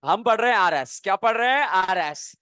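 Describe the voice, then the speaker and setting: A man teaching chemistry in a lively classroom lecture, playfully quizzing students with call-and-response questions. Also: sits high, moderate pace, clear, resonant tone, dry recording, studio quality.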